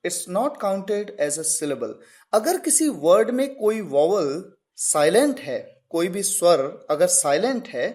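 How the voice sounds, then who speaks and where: A man's voice: high voice, darkish tone. A man teaching an English grammar lesson. He spells words out letter by letter and answers his own questions. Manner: poses questions and answers them himself.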